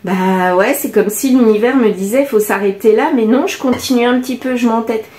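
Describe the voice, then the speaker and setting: French lady doing a card reading, thinking out loud, lots of ums, echoey room. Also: a little high, fairly quick. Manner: musing, hesitant, many fillers. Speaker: card reader. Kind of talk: casual oracle card reading.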